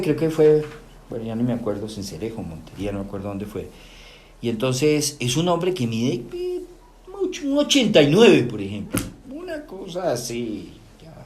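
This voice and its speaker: Animated Colombian man lecturing. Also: mid-range voice. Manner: animated, asks rhetorical "¿sí?" checks often. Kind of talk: lively talk to an audience.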